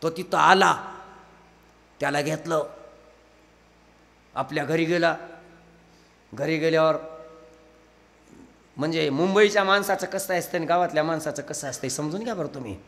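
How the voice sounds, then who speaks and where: A high, gravelly male kirtan preacher with a bright, forceful edge and a dialect. He tells village tales with lively acted dialogue. His voice rings with a long hall reverb. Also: normal speed, long pauses. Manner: lively storyteller acting out village dialogue, shouting and laughing. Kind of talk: humorous kirtan sermon with storytelling.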